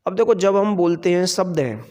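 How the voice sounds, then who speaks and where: A man teaching a grammar lesson, explaining slowly and asking questions that he then answers himself. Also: high voice, animated, a little mellow. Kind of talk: classroom lecture. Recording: long hall reverb.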